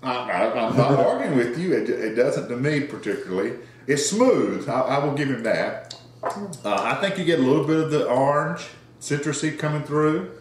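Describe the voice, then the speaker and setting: A man's voice: mid-range voice, lively intonation, moderate pace. Man co-hosting a beer review in an echoey room. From North Carolina. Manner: reads notes with fillers and restarts. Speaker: beer review podcast co-host. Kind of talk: casual chat.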